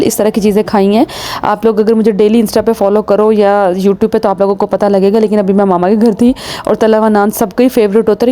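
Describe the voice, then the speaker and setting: A woman's voice: medium pitch, dark tone. A woman, chatting directly to her viewers in a casual home vlog. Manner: chatty, talks straight to viewers. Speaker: lifestyle vlogger. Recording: noisy home recording.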